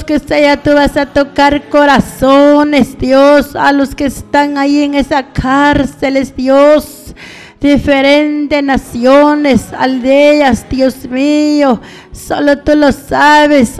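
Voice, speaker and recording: Praying aloud on a radio programme, a mature evangelical preacher with a high voice calls out to God again and again in short, pleading phrases. Her intercessory prayer is fervent and spontaneous, set against faint music, and the recording quality is low.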